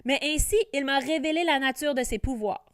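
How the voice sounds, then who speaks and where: A woman's voice: sits high, fairly quick, no room sound, studio quality, voice pushed up, close to an everyday voice. A woman voicing a mocking, sneering evil man wizard, in a storybook reading. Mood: taunting. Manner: mocking, taunting.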